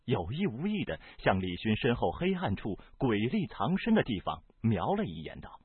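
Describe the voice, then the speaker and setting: A man with a husky voice reading a novel aloud as audiobook narrator, in an expressive, varied storytelling delivery. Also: medium pitch, normal speed, no echo. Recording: dry, tinny phone-like sound.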